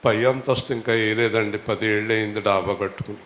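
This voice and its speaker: A male pastor preaching to his congregation. He asks them questions, has them repeat lines and rises to loud, high exhortation. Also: steady tone, a little fast, a little hiss or hum. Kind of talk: Telugu church sermon. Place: church hall. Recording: echoey church hall.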